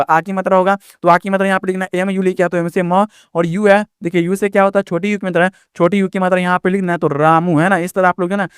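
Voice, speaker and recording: A man's voice: high voice, fairly bright tone, clear, resonant tone, no echo, studio quality. A man teaching viewers a lesson, often checking in with the class and stretching out vowel sounds to show pronunciation. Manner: repetitive, checks in with "ठीक ना" often. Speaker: online tutor.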